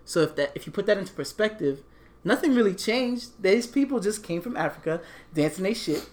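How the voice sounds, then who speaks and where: A man co-hosting a podcast in casual chat, animated and laughing often, talking loosely. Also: high voice, fairly quick. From Panamanian and Haitian roots, born in the US. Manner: animated, laughing, repeats "you know what I'm saying". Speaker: podcast co-host.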